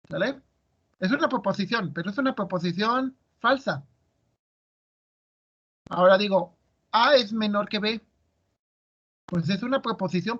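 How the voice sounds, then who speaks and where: Male teacher, high voice, quizzing his students, muffled audio. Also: fairly bright tone. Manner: asks students questions, explains step by step. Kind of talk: classroom lecture.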